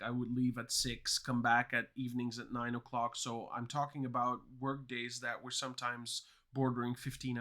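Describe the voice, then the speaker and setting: A man with a medium-pitched, pushed and bright voice streams himself learning to code. His first languages are Dutch and Turkish, and he chats in a rambling way, picking up chat questions as he goes.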